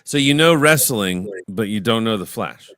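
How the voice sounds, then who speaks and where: With lively intonation and a fairly bright baritone, this man hosts a livestream at a moderate pace, trading rambling, crude, joking banter laced with fillers. There's no room sound, just a clean studio recording.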